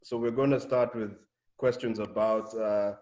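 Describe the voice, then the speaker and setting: A man hosting a language-learning interview in a casual, hesitant way, with many pauses. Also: fairly low pitch, steady tone, darkish tone, lo-fi sound. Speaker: host of language channel.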